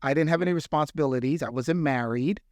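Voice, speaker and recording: A man's voice: fairly high pitch, fast talker, darkish tone, dry recording, clean studio sound. A middle-aged man from the Bahamas, a healthcare executive, answering interview questions with earnest, reflective storytelling. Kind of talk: interview conversation.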